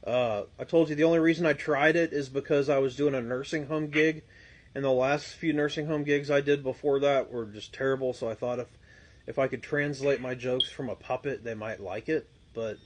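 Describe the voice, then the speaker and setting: A man's voice: medium pitch, steady tone, a little fast, slight background noise. A man chatting casually as a podcast host, in an everyday conversational voice. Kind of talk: casual chat.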